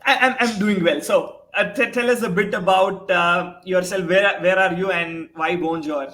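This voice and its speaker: A man's voice: high voice, steady tone, normal speed, sharp tone, poor audio. A man in his forties hosting a live product show over a video call, enthusiastic but hesitant and full of fillers. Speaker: host.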